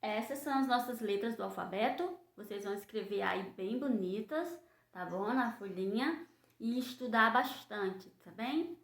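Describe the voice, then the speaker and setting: A woman teacher, giving a children's phonics lesson and sounding out letters slowly in a sing-song way. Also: on the high side. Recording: echoey room.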